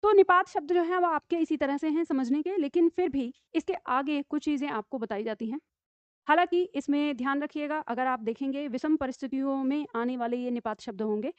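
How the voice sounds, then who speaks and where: A woman with a high voice explains grammar to a class, checking in often and dictating example sentences slowly. The recording is dull and dry, with no room echo. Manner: explains step by step, often asks "ठीक है?". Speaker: Hindi teacher.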